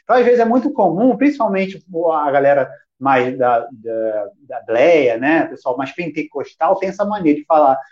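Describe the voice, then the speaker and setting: Lively man teaching on a live stream. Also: fairly high pitch, normal speed, lo-fi sound. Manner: lively, asks himself questions and answers; talks directly to chat viewers. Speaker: worship music teacher.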